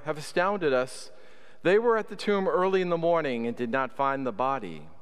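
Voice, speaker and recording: A priest reading the Gospel at Mass in a measured, solemn way, with cathedral echo around his voice. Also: mid-range voice, clear, resonant tone. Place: large church. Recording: long cathedral reverb.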